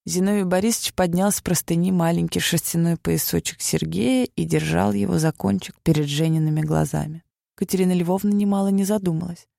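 A reader narrating a literary story in a measured, even audiobook style. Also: medium pitch, creaky, no echo, studio quality.

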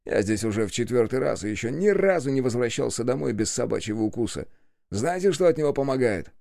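A gloomy, talkative constable, as a man puts him on, grumbling wryly with his pitch bouncing around. The voice is dry and close, with no room sound. It is a storybook reading. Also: lively intonation, fast, creaky, a little mellow, no room sound. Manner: grumbling, wry. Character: gloomy, chatty male constable.

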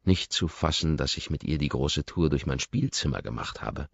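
A man's voice: very deep voice, animated, moderate pace, creaky, husky, no echo, muffled recording. A man narrating a first-person audiobook, with a brooding inner-monologue manner.

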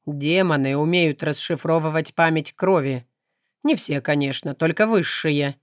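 Lady reading a chill arrogant demon guy, low flat calm voice, audiobook. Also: no room sound, clean studio sound. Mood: cool. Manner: unhurried, detached, flat delivery. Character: calm aloof male demon, cool and self-assured.

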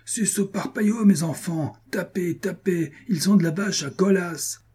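A shrill, shouting innkeeper, put on by a man reading an audiobook, his husky voice pushed far up into a high, straining pitch. He bellows as if calling for help, rough and dark in tone. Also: a little slow. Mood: rallying. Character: panicked bellowing middle-aged male innkeeper.

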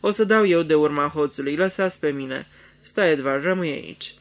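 A man's voice: a little high, natural voice. A man voicing a cold, scheming young lord in a radio theatre reading, icy and commanding, flaring into thundering anger. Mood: furious.

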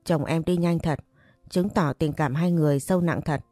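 A woman voicing a jealous, cruel young wife who threatens and taunts in a low, warm voice. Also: steady tone, moderate pace, no echo, faint music behind. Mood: mocking. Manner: taunting, menacing.

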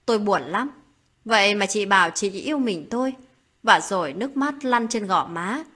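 A woman narrating a late-night story as a storyteller, in a calm, steady reading voice. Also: medium pitch, moderate pace, breathy edge.

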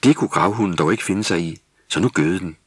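A man narrating a Christmas children's story in steady, scripted storybook style. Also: deep voice, husky, dry recording, studio quality.

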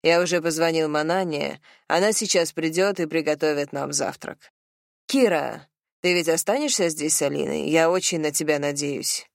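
A woman's voice: deep voice, moderate pace, creaky, no room sound, clean studio sound. Composed, businesslike man in an audiobook, read plainly by a woman. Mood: calm. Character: composed, businesslike older man, former fiancé.

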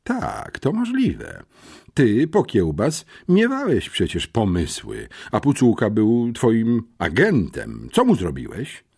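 A man's voice: medium pitch, wildly swooping pitch, slow pace, gravelly, darkish tone, slightly rough, voice pushed up, heavily acted. A man voicing a stern, pompous school headmistress in an audiobook, curt and commanding. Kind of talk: audiobook character voice.

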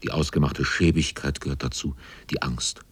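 A man's voice: rumbling low, steady tone, moderate pace, breathy edge, dry recording. A man narrating a sea story in a radio drama, grave and intense.

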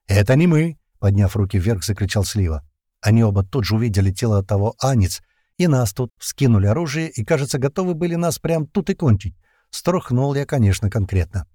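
A man narrating a first-person action audiobook, tense and urgent, loudly shouting the characters' lines. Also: medium pitch, no echo, clean studio sound.

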